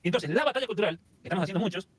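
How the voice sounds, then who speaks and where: Rapid-fire man explaining. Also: high voice, animated, husky. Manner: rapid, explanatory, lists things in long chains. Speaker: interview guest. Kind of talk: casual interview.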